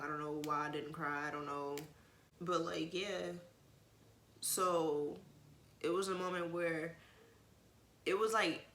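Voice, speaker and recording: Her voice is fairly low, pushed and bright as this woman vlogger talks casually and openly about an emotional personal experience. Expect frequent swearing and meandering tangents, all captured with a roomy echo.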